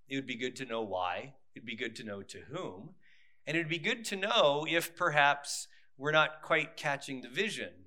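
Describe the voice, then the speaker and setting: A man preaching a sermon in a conversational but deliberate manner, building points through repetition. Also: medium pitch, sharp tone.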